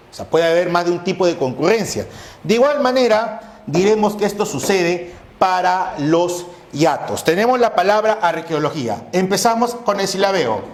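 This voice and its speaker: Slow, lively-pitched male teacher. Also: reverberant. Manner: poses questions and answers them himself; spells out syllables slowly. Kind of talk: grammar lesson.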